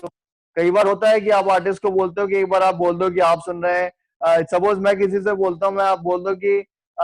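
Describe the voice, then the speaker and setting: A man with a high, quick voice lectures a class on radio, running through examples and tossing questions at the students. The sound is close and dry, with no room around it. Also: no room sound, low-quality recording. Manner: explains with hypothetical examples, asks the class questions. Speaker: radio teacher.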